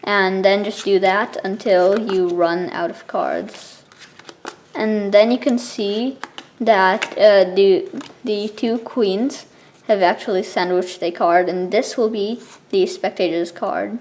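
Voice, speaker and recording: A woman explaining something step by step in a casual, informal tutorial style, with halting pauses between steps. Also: mid-range voice, steady tone, darkish tone, a little hiss or hum. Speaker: card trick tutorial presenter.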